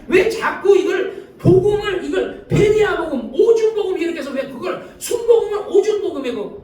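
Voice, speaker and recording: High-pitched, fast-preaching older pastor. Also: male voice. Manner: animated, shouting for emphasis and laughing as he preaches. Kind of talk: sermon. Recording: echoey church hall, mic far off.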